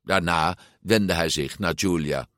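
Male storyteller, slow, expressive, lowish voice, dry close sound. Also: dry recording. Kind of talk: storybook read-aloud narration.

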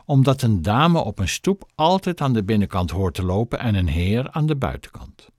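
A man voicing a courteous old gentleman. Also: on the low side, very animated, no echo, clean studio sound. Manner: polite, old-fashioned, deliberate.

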